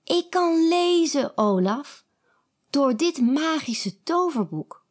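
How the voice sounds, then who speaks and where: A woman voicing an excited young girl who is learning to read. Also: medium pitch, slow.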